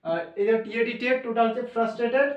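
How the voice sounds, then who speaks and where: A man's voice: very high-pitched, fairly even intonation, rapid-fire, far from the mic, lo-fi sound. A male teacher explaining English pronunciation, spelling words out and repeating each sound letter by letter. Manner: repetitive, drills sounds letter by letter. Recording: echoey room, voice from off the mic.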